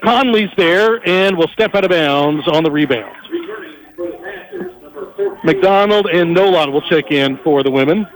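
High-voiced excited basketball announcer man. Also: poor audio. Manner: rapid energetic calls, rising on big plays. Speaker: play-by-play announcer. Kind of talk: live basketball play-by-play.

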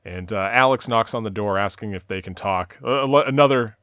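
A man's voice: lowish voice, fairly quick, a bit bright, no room sound, clean studio sound. A man co-hosting a casual podcast, recapping a TV episode scene by scene with frequent "uh" and "you know". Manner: narrates the plot at length, with frequent "uh" and "you know".

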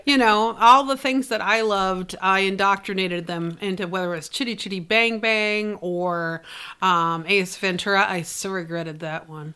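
A woman's voice: mid-range voice, fairly even intonation, moderate pace, bright, forceful tone, clear, resonant tone. A middle-aged woman, a comedian and mom, telling stories in casual chat with lots of laughter. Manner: chatty, laughing storyteller.

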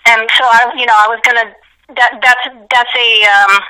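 A woman talking casually as an interview guest, telling stories in an animated way. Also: on the high side, normal speed, clean tone, low-quality recording. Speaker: podcast guest, ring announcer and commentator.

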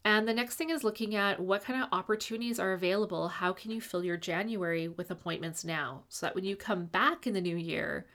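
A woman with a slightly low-pitched voice talks to viewers as a business coach in an advice vlog. She is upbeat and organised, laying out tips tidily. Her delivery is direct and encouraging, with firm emphasis on key points. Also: a bit bright. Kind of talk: advice vlog, semi-scripted talk to viewers.

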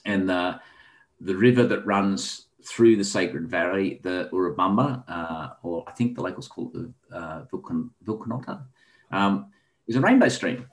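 He's an Australian guest with a low-pitched voice and moderate pace, recounting a long trip in easygoing chat. The story rambles, with plenty of ums and false starts.

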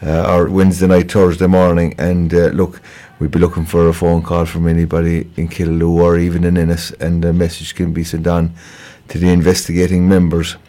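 Deep, warm and monotone, a man with a Kerry accent talks fairly quickly with hardly any pauses. He's a guest on local radio giving a conversational, hesitant police appeal about a crime, often repeating himself.

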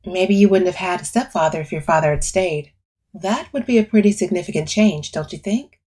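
A woman voicing a gentle, probing female therapist who asks questions in a soft voice. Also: lowish voice, brisk, close to an everyday voice.

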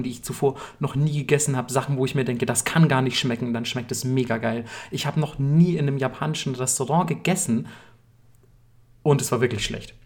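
Young German man, co-host, eager and slangy, rambling casual delivery, mid-pitched voice. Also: darkish tone. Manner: enthusiastic, slangy, talks in long rambling runs. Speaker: podcast co-host. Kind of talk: casual chat.

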